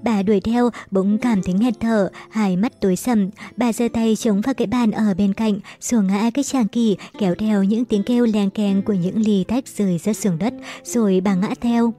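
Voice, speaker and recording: A woman narrates a novel in a steady, measured audiobook reading. Her voice is mellow and soft-edged, and faint music plays quietly behind her. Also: medium pitch.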